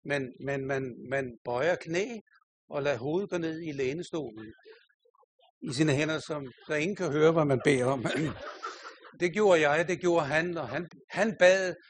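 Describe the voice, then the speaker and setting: A man's voice: fairly high pitch, slight background noise. An older man, a pastor, preaching a sermon and telling a personal story with self-mocking humor and frequent laughter.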